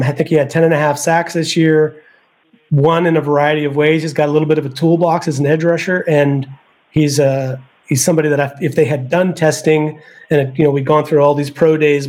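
A man's voice: a little high, darkish tone. A man on a sports podcast, thinking aloud as he weighs draft prospects in casual chat. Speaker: podcast panelist.

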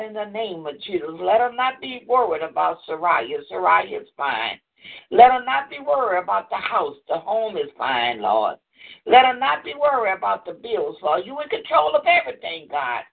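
A man prays fervently and rhythmically, his pitch swinging widely as he rises on each plea and drops on every "Lord". The sound comes through a thin, tinny phone line. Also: creaky. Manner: fervent, rhythmic, repeating "Lord" and "in the name of Jesus". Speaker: prayer leader. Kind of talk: intercessory prayer.

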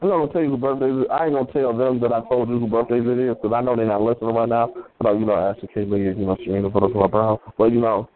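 A man hosts a podcast in loose, slangy conversation. His voice is mid-pitched and comes across thin and band-limited, like a phone line. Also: steady tone, rapid-fire, few pauses. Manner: easygoing, slangy. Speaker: podcast host. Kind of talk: casual chat. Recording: tinny phone-like sound.

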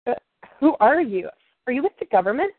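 A woman's voice: sits high, very animated, fairly quick, dry recording, full character voice. A woman voicing a flustered young writer who speaks hesitantly and with sarcasm. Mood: uneasy. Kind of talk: audio drama acting. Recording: dry tinny phone-like sound.

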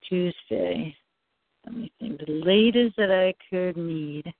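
A woman's voice: on the low side, slow, dry recording. A woman heard over the phone, helpfully arranging a meeting time with many hesitant fillers. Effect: heard over a phone line. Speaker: appointment scheduler. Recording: tinny phone line, dry.

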